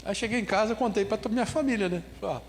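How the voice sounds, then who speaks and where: Male pastor, high voice, animated storytelling sermon, recorded in a reverberant church hall with faint room noise. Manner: ends with a slow spoken prayer.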